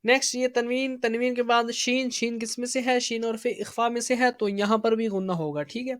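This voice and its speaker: A woman teaching a tajweed lesson to children. She draws out each syllable slowly when spelling it out, then speeds up to explain the rules, asking and answering her own questions. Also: fairly high pitch, fairly even intonation, no room sound. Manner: slow drawn-out spelling, then brisk explaining. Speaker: Quran reading teacher.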